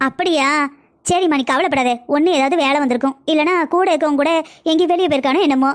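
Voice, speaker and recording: A woman's voice: high-pitched, fast talker, natural voice. A woman voicing a fussing older mother-in-law. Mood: caring. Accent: southern Tamil. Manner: soothing, motherly coaxing. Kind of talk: cartoon voice acting.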